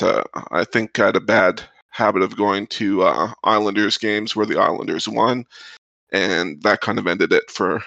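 Gravelly low-voiced man, dry sound. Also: no room sound, lo-fi sound. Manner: relaxed, many uh fillers. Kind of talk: casual chat.

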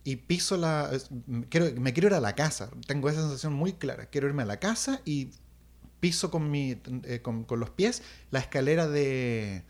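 A young man telling a personal story in casual chat, animated and acting out sounds. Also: medium pitch, moderate pace. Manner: animated, acts out voices and sounds, restarts.

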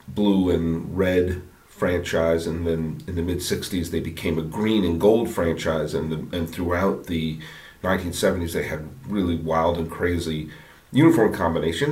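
Casting: male podcast host, low voice, loose off-the-cuff delivery that stops and restarts, strong bathroom echo. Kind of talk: casual rambling monologue. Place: home bathroom, indoors. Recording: echoey bathroom reverb.

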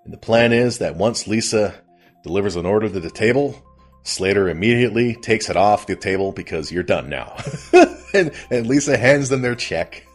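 Husky man rambling through a comedic recap. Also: lowish voice, lively intonation, normal speed, soft background music. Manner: rambling, amused at his own retelling. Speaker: host. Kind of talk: casual comedic TV episode recap.

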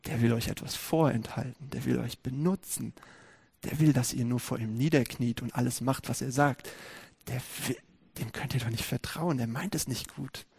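A preacher voicing Satan as a sly male tempter, speaking in a hushed, insinuating, low murmur. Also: normal speed, vocal fry, breathy edge. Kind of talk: preaching with acted quotes.

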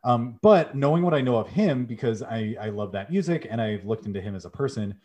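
A man's voice: medium pitch, animated, fairly quick, a little mellow, dull audio. A young man co-hosting a podcast, chatting with enthusiasm as he retells a game's plot with frequent "um"s. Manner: enthusiastic, many "um"s, summarizes plot. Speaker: podcast co-host. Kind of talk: casual podcast chat.

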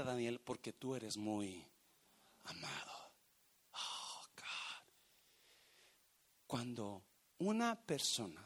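Animated man preaching a sermon. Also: medium pitch. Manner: animated, swings from loud exhortation to near-whispers. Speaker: pastor.

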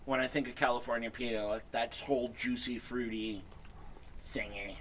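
A man's voice: medium pitch, fairly even intonation, normal speed, a bit bright, a little hiss or hum. A man giving sommelier-style tasting notes in casual chat, thinking aloud as he describes the wine. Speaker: podcast host and wine taster.

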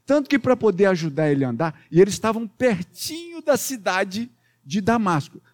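A pastor with a Minas Gerais accent telling a Bible story to children, animated and playful, with sound effects and questions to the kids. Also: male voice, high voice, normal speed.

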